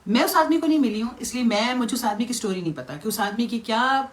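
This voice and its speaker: A woman's voice: a little high, lively intonation. A middle-aged woman with a Pakistani Urdu accent, telling stories as a vlog host in a casual monologue and slipping English phrases into her talk.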